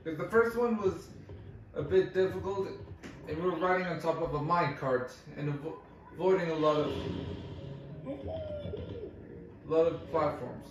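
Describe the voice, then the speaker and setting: A man with a high voice giving casual play-by-play over game music, calling out each move in short bursts. He sounds far from the mic in a very echoey room. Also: huge pitch swings, a little slow, pauses often, background noise. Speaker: gameplay commentator.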